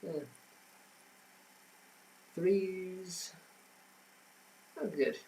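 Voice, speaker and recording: A man's voice: high voice, steady tone, extremely slow, warm tone, poor audio. Casual guy reading quiz answers at home, fillers everywhere, slight background hiss. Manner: chatty, reads answers then adds trivia with many fillers. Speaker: quiz host.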